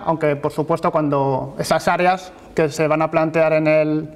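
A man gives a university seminar talk, stopping and repeating words as he finds his phrasing. His voice sits a little high for a man and stays fairly flat. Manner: halting, repeats words while searching for phrasing. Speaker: university lecturer presenting research. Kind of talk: academic conference talk. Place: lecture hall with projected slides.

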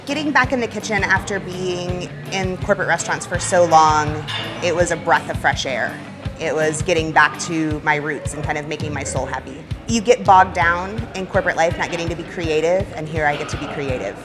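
A young woman chef talks in an interview for a competition show. Her voice sits on the low side. Music is clearly heard behind her. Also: brisk. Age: young adult. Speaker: executive chef, contestant. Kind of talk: on-camera interview. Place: indoors at a brewery. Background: background music.

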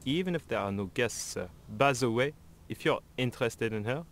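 A man voicing a sleazy, scheming male hotel concierge in a game, with a put-on French accent and halting delivery. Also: mid-range voice, lively intonation, lightly acted. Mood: sly. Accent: fake French. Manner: halting, reads one word at a time. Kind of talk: video game voice acting.

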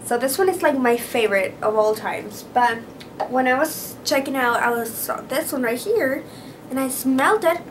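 There's a little hiss or hum as this young adult vlogger from Utah speaks in a high voice at normal speed. She's excitable and chatty, full of "like" and "um," filming herself at arm's length on a handheld camera in her car, then her bedroom.

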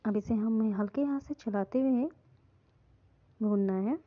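A woman calmly narrating a step-by-step recipe in her home kitchen. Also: on the high side, a little slow. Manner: calm, instructive, repeats "hum" often. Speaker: cooking channel host. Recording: dull lo-fi phone audio.

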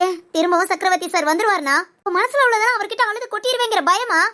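A woman voices a caring older woman friend in a storybook drama, speaking in a very high voice. She coaxes and presses insistently, refusing to let the matter drop. She talks like an elder who feels entitled to speak her mind. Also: quick pace, pushed and bright. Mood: coaxing. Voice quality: coaxing, insistent. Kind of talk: audio story role-play.

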